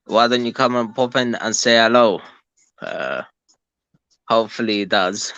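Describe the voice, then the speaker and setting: Bright-toned man chatting. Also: medium pitch, unhurried, no room sound, lo-fi sound. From London, England. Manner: hesitant, many ums and restarts. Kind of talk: casual chat.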